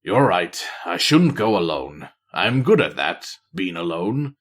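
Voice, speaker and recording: A weary veteran spy master, as a man reads him aloud, speaking in a low, quiet murmur with a dry, wry edge. His voice swings up and down through its range even as it stays hushed. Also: slow pace, full character voice. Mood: wistful. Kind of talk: audiobook-style character reading.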